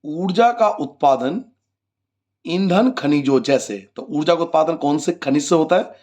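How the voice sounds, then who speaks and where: A male teacher with a slightly raised pitch explains a school geography lesson to his students. He asks his own questions, answers them, and goes back over the key points. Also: a little slow, a little mellow. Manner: addresses students as children.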